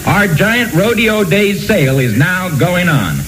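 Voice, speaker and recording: An actor playing an earnest local television pitchman, reading a scripted parody furniture commercial. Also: very animated, a little slow, background noise. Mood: earnest selling.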